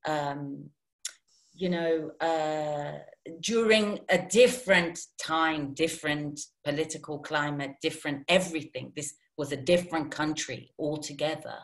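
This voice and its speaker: A woman's voice: low voice, unhurried. A woman who grew up in Iran, a guest talking casually and animatedly with many restarts. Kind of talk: casual interview talk.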